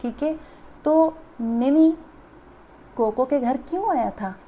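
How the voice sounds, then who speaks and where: A woman's voice: high voice, expressive, takes it slowly, warm tone. A woman teacher explaining a story to children and quizzing them with countdowns. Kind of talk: children's Hindi lesson, reading a story.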